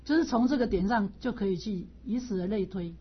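A woman's voice: medium pitch, brisk, husky, lo-fi sound. A woman teacher explaining a classical text in a storytelling lecture style, repeating points and chuckling now and then.

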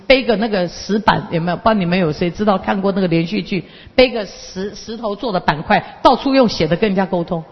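Lady in her 50s, lecturing fast, acts out every bit of dialogue, dull lo-fi hall sound. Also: medium pitch, breathy edge. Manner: lively, acts out dialogue and mimics people. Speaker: counseling lecturer. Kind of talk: storytelling lecture to an audience. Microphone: handheld microphone.

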